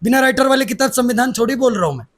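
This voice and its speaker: Very high-voiced, combative man. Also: lively intonation, very fast, a bit bright. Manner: aggressive, defiant, threatening. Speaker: interviewee, activist. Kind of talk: heated political interview.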